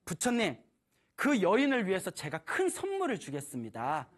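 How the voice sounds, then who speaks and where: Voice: mid-range voice, wildly swooping pitch, normal speed. A preacher doing a deferential king. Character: respectful king greeting a revered teacher.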